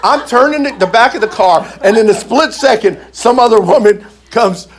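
A man's voice: extremely high pitch, lively intonation, normal speed. A man preaching through a personal story, repeating phrases for emphasis and stumbling over restarts. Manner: frequent stammered restarts. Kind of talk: storytelling sermon.

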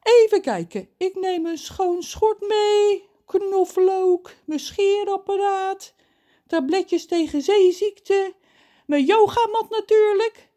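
A woman voicing a cheerful, scheming male pirate cook with a high, chirpy voice in a read-aloud story. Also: slow, mellow.

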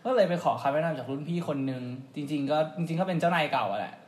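A man co-hosting a podcast in casual chat, relaxed and joking, with frequent hesitations. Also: on the high side, fast talker, roomy sound. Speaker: podcast co-host.

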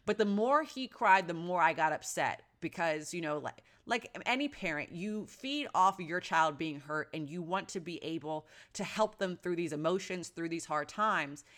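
A woman in her thirties speaks with a bright, forceful tone pitched a little low. She tells a personal story as a mother in an earnest, reflective way, stopping to restart her sentences and filling gaps with "you know.". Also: animated, moderate pace, hardly any pauses. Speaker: mother sharing parenting experience.

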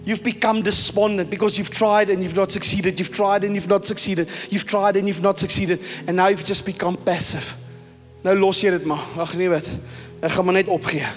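A South African pastor preaching a sermon emphatically, sometimes mixing in Afrikaans phrases. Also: male voice, high voice, steady tone, normal speed. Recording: reverberant hall with soft music.

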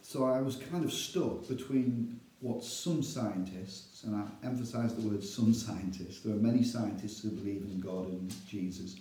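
A middle-aged Northern English man with a low, dark voice tells his life story as an interview guest. He is chatty and self-deprecating. The room around him is echoey. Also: normal speed, few pauses, a little hiss or hum. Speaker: church elder, interview guest.

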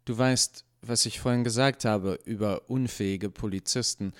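A man's voice: fairly low pitch, fairly even intonation, normal speed, natural voice. A man reading as a tense, overworked male lab scientist who speaks nervously. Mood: uneasy.

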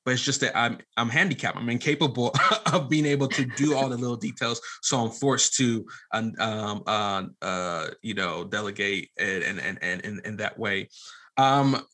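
A man who produces and directs audio dramas appears as a podcast guest, chatting casually and colloquially in an earnest, self-deprecating way. His voice is on the low side, bright and forceful, and he talks at a moderate pace.

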